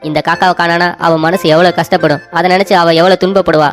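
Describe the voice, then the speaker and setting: A man's voice: fairly high pitch, level tone, fast talker, soft background music, natural voice. A man voicing a silly, devoted husband in a cartoon story, whiny and repeating himself. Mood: wailing. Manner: whiny, repetitive.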